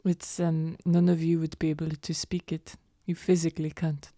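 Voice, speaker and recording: A woman playing a smug, haughty elemental being in a tabletop game, deadpan and self-satisfied. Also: deep voice, normal speed, no echo, clean studio sound. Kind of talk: tabletop role-play in character.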